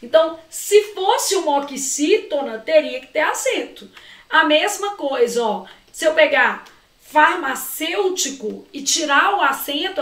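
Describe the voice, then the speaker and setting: High-voiced Brazilian woman teaching in an echoey room. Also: fairly bright tone, far from the mic. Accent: Brazilian Portuguese. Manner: talks to students directly, often asks them questions and answers herself; stretches out key words and syllables while explaining. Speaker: Portuguese teacher. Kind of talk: exam-prep lesson walking through questions.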